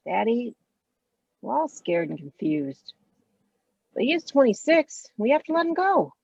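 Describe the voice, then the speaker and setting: An actress playing Brenda, a sharp, sarcastic adult daughter, in a stage play reading. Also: female voice, a little high, sing-song, unhurried, gravelly, slightly rough, no echo, dull audio, heavily acted. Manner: sarcastic, exasperated.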